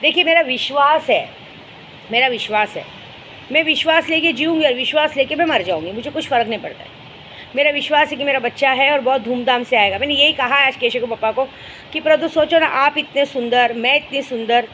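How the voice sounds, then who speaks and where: Her voice high, brisk, bright, and forceful, a spiritual guide talks casually to her followers in a vlog, sharing stories and fond asides. It's a rough recording with a little hiss or hum.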